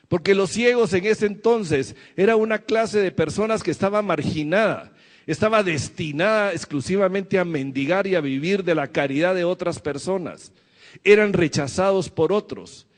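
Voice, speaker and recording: A man's voice: sits high, normal speed, long reverb tail. A man preaching a sermon to his church, asking the congregation questions as he goes. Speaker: pastor.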